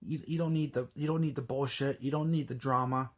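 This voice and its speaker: A man's voice: mid-range voice, steady tone, fairly quick. Rambling angry young man vlogging. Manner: rambling, many fillers and restarts, swearing. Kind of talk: casual ranting vlog.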